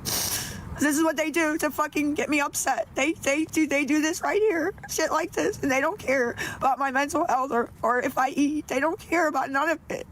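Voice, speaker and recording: A woman's voice: sits high, normal speed, fairly bright tone, slight background noise. Profane, pleading woman livestreamer. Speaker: livestreamer asking viewers for money. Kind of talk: upset livestream rant.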